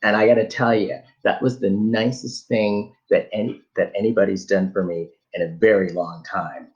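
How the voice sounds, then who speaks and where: A man telling a funny personal travel story in an animated, conversational way. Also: lowish voice, normal speed, highs cut off.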